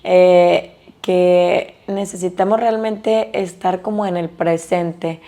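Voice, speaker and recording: A woman's voice: lowish voice, steady tone, takes it slowly, dark tone. A woman in her thirties hosting a casual podcast interview, talking in an empathetic, conversational way. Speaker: podcast host.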